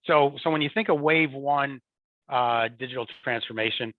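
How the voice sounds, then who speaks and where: Over a dry, tinny remote connection, a male guest who runs support and field services talks at a moderate pace in a medium-pitched voice. His manner is conversational, with repeated words and frequent "you know" and "right?".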